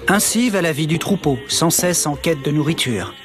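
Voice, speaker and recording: An actor playing an earnest nature documentary narrator, with a solemn, measured storytelling delivery. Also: male voice, on the high side, expressive, over loud music, natural voice. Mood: solemn, dramatic.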